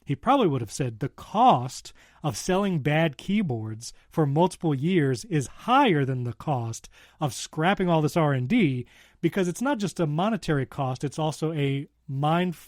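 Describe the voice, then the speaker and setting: A man's voice: on the high side, expressive, normal speed, no room sound. Chatty man with a dry close sound. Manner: chatty, laughs often, reads news aloud. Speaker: podcast co-host. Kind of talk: casual tech chat.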